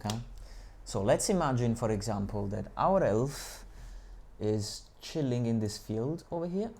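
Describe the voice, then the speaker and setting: A man's voice: medium pitch, expressive, unhurried, gravelly, a little mellow. A man presenting a tabletop game tutorial, patiently explaining the rules step by step with small asides.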